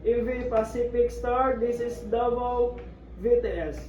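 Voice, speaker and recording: High-voiced man on a marine radio. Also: fairly even intonation, a little slow, darkish tone, a little hiss or hum. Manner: clipped radio procedure phrasing. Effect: marine VHF radio transmission. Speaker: radio operator. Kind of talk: scripted marine radio drill. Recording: far-off echoey lo-fi radio.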